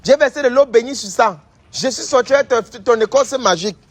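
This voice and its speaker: A man's voice: extremely high pitch, quick pace. A man playing a traditional healer who scolds and accuses, repeating his lines over and over. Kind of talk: staged confrontation sketch.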